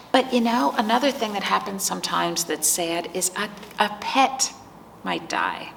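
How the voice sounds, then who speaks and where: A woman librarian runs a virtual storytime, gently reading a picture book aloud and asking the children simple questions. Her voice is mid-range with vocal fry, and there's slight background noise.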